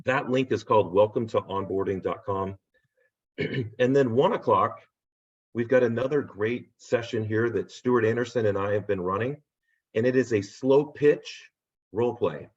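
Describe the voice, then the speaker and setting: Husky-voiced man hosting a video call. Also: on the low side, moderate pace. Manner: upbeat, rambling, motivational. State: losing his voice, clearing his throat. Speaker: host of a real estate agent training call. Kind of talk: casual video call pep talk. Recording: dull lo-fi video call audio.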